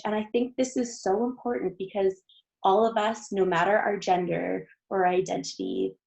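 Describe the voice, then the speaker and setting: A woman's voice: medium pitch, gravelly, darkish tone, rough recording. A young woman hosting, giving an earnest, enthusiastic formal introduction of a guest speaker. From Canada.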